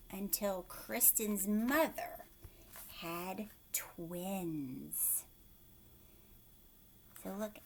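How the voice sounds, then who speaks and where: With a mid-range voice and a little hiss or hum in the background, a woman teacher reads a story aloud to children. She brings expression to it and speaks directly to her young listeners.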